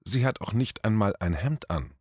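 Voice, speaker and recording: A man's voice: on the low side, animated, normal speed, a little mellow, breathy edge, dry recording, studio quality. A man reading out a quoted scene and voicing a little aristocratic girl asking her father innocent questions. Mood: curious.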